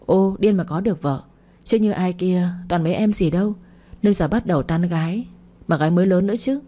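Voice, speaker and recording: A woman's voice: fairly low pitch, fairly quick, dark tone, lightly acted. A woman voicing a brash male friend who mocks and teases with a laugh in his voice. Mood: teasing. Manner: mocking, laughing. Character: brash teasing male friend, playboy type.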